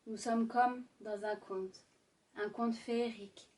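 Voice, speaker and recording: A woman doing an ASMR role-play as a sultry, intimate ASMR narrator, speaking sensually to the listener with lingering pauses. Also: on the high side, fairly even intonation, darkish tone, far from the mic. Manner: slow, lingering delivery with deliberate pauses. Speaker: ASMR performer.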